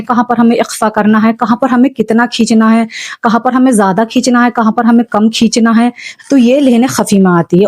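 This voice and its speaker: A woman. She explains patiently and repeats the example sounds slowly, recorded close and dry with no room sound. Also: a little high, a little mellow, dry recording. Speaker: Quran recitation teacher. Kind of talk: spoken religious lesson for beginners.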